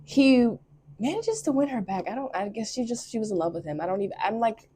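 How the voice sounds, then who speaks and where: A woman's voice: on the high side, animated, brisk, warm tone, slight background noise. A young woman who reads tarot, talking casually and expressively and laughing often. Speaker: tarot reader. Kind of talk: casual chat.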